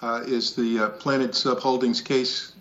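A man presiding as judge, speaking formally and off the cuff in a measured, hesitant way. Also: medium pitch, level tone, fairly bright tone. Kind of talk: formal, unscripted courtroom remarks. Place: virtual court hearing. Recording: dull, muffled video-call audio.

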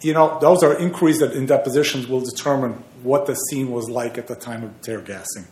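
A man's voice: medium pitch, a little fast, a little mellow. A man arguing a case as an attorney before an appeals court, earnest and emphatic. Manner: earnest, emphatic legal argument. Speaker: appellate attorney. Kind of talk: oral argument before a court. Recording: echoey courtroom.

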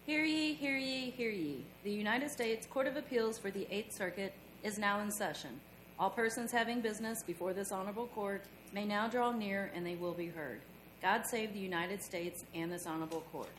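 Casting: female court crier, ceremonial town-crier calls, slightly low-pitched for a woman, noisy rumbling room. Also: normal speed, roomy sound. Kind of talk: formal court-opening proclamation.

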